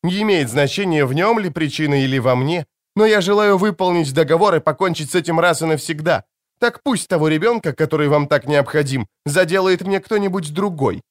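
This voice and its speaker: A male audiobook reader voicing a defiant, hot-tempered young woman who answers with sharp, mocking retorts. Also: fairly high pitch, a little fast, no echo, clean studio sound, voice pushed up, close to an everyday voice. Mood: furious mocking. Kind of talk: audiobook character reading.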